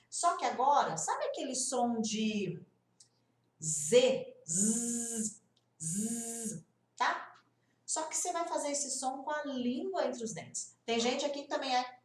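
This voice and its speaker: A woman, a native Portuguese speaker, teaching English pronunciation and demonstrating each sound slowly. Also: on the high side, echoey room, distant mic. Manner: demonstrative, drawn-out sound examples. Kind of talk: pronunciation lesson.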